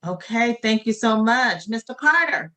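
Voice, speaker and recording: A woman's voice: fairly high pitch, lively intonation, unhurried, bright, forceful tone. Polite woman moderating a panel. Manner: polite, directing questions. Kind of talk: casual panel talk.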